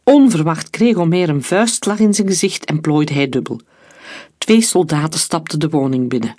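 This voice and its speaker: A narrator reading a dramatic story aloud in a steady voice. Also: mid-range voice, moderate pace, dry recording, clean studio sound. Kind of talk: scripted narration.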